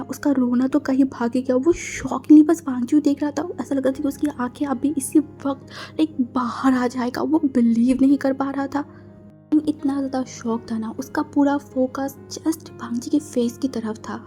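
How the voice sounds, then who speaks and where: A woman narrating a fan fiction story in a chatty, filler-heavy way, mixing in English words. Her voice is high but dark and mellow. Faint music plays behind her. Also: steady tone, normal speed.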